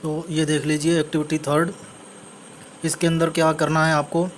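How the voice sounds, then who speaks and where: A male teacher with an Indian accent explaining an English textbook lesson in Hindi and English, slowly spelling out words and repeating himself. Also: fairly high pitch, completely flat delivery, slight background noise. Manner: slow, spells words letter by letter; repeats "ठीक है" after each point.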